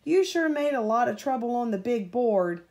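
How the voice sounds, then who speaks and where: Woman putting on a loud, scolding train master. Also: on the high side, lively intonation, moderate pace. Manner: scolding, emphatic. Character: bossy, hollering male train master in a storybook.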